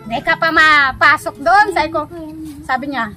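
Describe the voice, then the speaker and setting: Woman, interviewee, high voice, animated storyteller who laughs a lot; music bed underneath. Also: moderate pace. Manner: animated, laughs often, keeps addressing the host. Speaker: interviewee telling a personal story. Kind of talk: casual storytelling chat.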